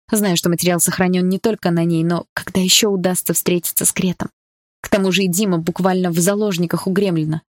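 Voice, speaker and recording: A woman's voice: on the low side, no room sound, clean studio sound. A woman reading a first-person novel aloud in a tense, earnest manner. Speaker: audiobook narrator.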